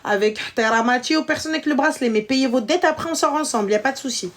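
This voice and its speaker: A woman's voice: high-pitched, fast talker. Teasing woman live stream host. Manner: teasing, slangy, joking. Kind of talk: casual live chat with callers.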